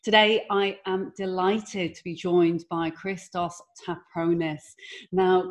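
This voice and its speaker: A woman hosting an interview podcast, opening with a scripted welcome and asking long, rambling questions full of "you know" and restarts. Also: lowish voice. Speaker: podcast host.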